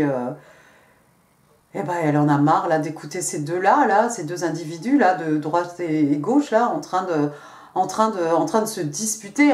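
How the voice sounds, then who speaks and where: A woman giving a casual tarot reading, talking straight to the viewer in a chatty, halting way, repeating herself and filling pauses. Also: lowish voice. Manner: chatty, halting, repeats words, many fillers; speaks directly to the viewer. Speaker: tarot card reader. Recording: echoey room.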